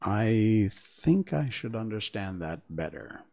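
A man's voice: fairly low pitch, big pitch swings, slow pace, creaky, warm tone, heavily acted. A man reading aloud and voicing a polite young girl who answers cautiously. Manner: polite and careful.

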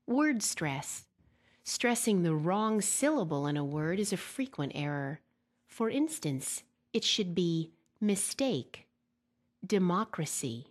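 A woman giving scripted instructional narration for exam preparation in a measured way, slowing down to model example words. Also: fairly low pitch.

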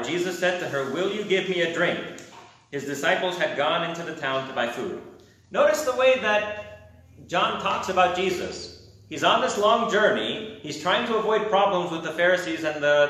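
Male teacher, bright and forceful, quizzes the class; very echoey classroom. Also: sits high, expressive, moderate pace. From America. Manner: asks the class questions, wry asides. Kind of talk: classroom lecture with questions. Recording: very echoey room.

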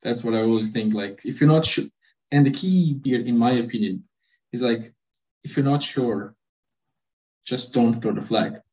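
A podcast host giving relaxed opinions in a casual interview, repeating phrases. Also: medium pitch, normal speed, pauses often, poor audio.

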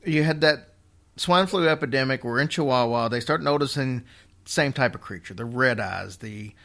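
On his casual storytelling podcast, a host with a mid-range, fairly bright voice speaks at a normal pace. He jokes wryly, and a half-numb mouth causes a slight slur plus an occasional whistle or smack of the lips.

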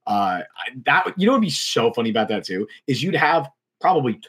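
A man co-hosting a casual sports podcast, talking quickly and animatedly and reading chat comments aloud. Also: mid-range voice, very animated, fairly bright tone, husky. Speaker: podcast co-host.

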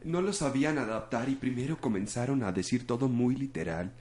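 A man co-hosting a podcast, adding calm, short remarks in casual chat. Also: mid-range voice, fairly quick. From Colombia. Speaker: podcast co-host.

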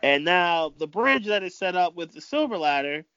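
A man giving improvised amateur wrestling commentary, speaking haltingly and often repeating himself. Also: sits high, very animated, pushed and bright, smooth, highs cut off.

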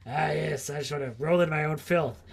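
A man voicing a male plague god who revels in filth and decay, in a low, drawn-out voice. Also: vocal fry, husky. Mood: gloating.

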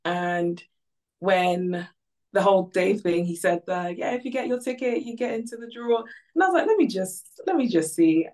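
Recorded far from the mic, this Ghanaian podcast guest has a mid-range, darkish, expressive voice at a moderate pace. Her casual interview talk is upbeat and full of fillers.

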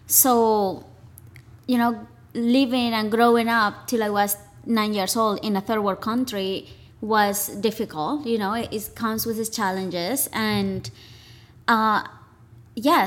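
A woman's voice: medium pitch, fairly even intonation, measured pace. Easygoing woman from Colombia. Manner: easygoing, with frequent "you know" fillers. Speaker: guest, DJ and music producer. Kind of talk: casual interview answers.

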